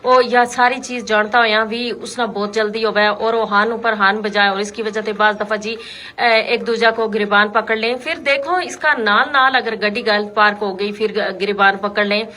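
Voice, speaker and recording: A woman's voice: mid-range voice, fairly even intonation, normal speed, sharp tone. A woman hosting a radio call-in show, talking to listeners in an unscripted, explanatory, conversational way. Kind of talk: unscripted talk radio commentary.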